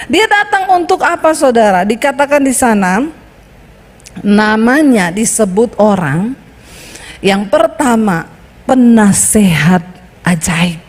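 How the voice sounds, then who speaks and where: High-voiced lady pastor preaching, acts out the dialogue, big echoey church hall. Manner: animated storytelling preacher, acting out both sides of dialogues. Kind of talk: sermon.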